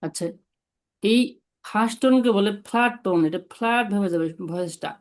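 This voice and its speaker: A Chinese language tutor with a mid-range, darkish voice speaks briskly during a one-on-one online lesson over video call. She teaches tones, patiently repeating syllables for her student.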